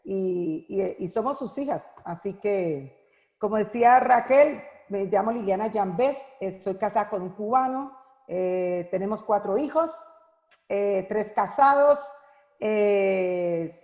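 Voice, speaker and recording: A middle-aged woman giving an earnest, heartfelt personal testimony at an online women's conference, pausing often as she speaks. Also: mid-range voice, animated, a little mellow, echoey room, long reverb tail. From Colombia. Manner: earnest, heartfelt, halting with frequent pauses. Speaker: women's Bible teacher and speaker.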